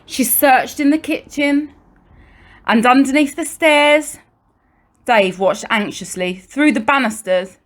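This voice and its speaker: With a high voice, a woman performs a children's storybook reading much like a primary teacher. Deliberate pauses and emphasis shape her expressive delivery for young listeners.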